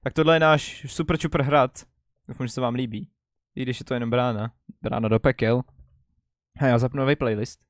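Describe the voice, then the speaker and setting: A young man chatting casually on a live stream, excitable and stammering as he greets viewers. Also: medium pitch, dry recording, studio quality. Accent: Czech.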